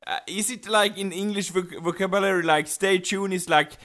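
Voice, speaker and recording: High, bright-voiced man. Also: normal speed. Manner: laughing often, hesitant with many fillers. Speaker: podcast co-host. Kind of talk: casual podcast banter.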